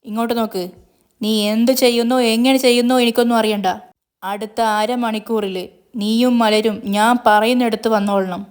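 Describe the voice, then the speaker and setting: A woman's voice: on the high side, lightly acted. A woman voicing a male villain who mocks and threatens over the phone. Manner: mocking, taunting, threatening. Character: menacing male villain, gloating kidnapper.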